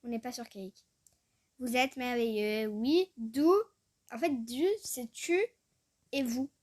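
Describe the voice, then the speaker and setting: Young woman, vlogger, casual chat, unhurried, slightly high voice, trails off and giggles. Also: a little mellow. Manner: chatty, trailing off, with frequent giggles; sounds out foreign words haltingly. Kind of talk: casual screen-recorded chat.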